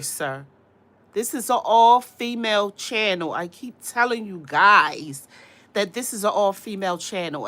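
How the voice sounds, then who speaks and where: A woman with a cold speaks in a congested, medium-pitched voice that's a bit bright. As a livestream host, she rambles casually, talking straight to her viewers.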